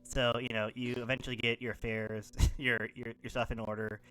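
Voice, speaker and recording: A man's voice: medium pitch, little pitch movement, moderate pace, sharp tone, slight background noise. A man narrating a tabletop role-playing game as game master, rambling with many fillers.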